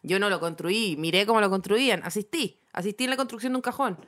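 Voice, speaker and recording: A woman's voice: medium pitch, quick pace. A woman in her thirties with a Chilean accent, co-hosting a casual comedy chat and mocking herself with a dry, joking manner. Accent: Chilean Spanish. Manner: joking, deadpan self-mockery. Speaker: podcast co-host.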